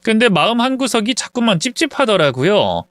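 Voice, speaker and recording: A man's voice: sits high, very animated, brisk, a bit bright, no echo, studio quality. A man narrating a first-person story in a confiding, conversational retelling.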